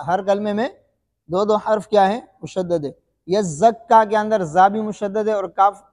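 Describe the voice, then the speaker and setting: A man teaching Quran recitation rules in a lesson, who keeps asking his students questions, answers them himself, and slowly draws out example recitations. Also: high voice, a little mellow, big-room sound. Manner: slow, drawn-out demonstration recitations. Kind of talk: classroom-style recitation lesson.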